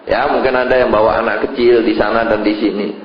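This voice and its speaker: A man, a Buddhist monk giving a sermon as a lively storyteller who acts out scenes with sudden jumps in his voice. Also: fairly low pitch, a little fast, slight background noise. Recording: echoey hall, dull lo-fi sound.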